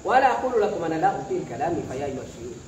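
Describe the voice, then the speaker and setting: This Bangladeshi student has a high voice, speaks very fast with big pitch swings, and sounds lo-fi as he exhorts his classmates in a motivational speech. He quizzes the audience call-and-response style, recorded distantly in an echoey room with background noise.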